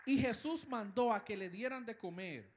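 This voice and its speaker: A male pastor with a Dominican accent preaching a sermon, slow and emphatic, with dramatic pauses and hushed, gentle passages. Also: sits high, expressive, some chatter behind. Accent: Dominican Spanish.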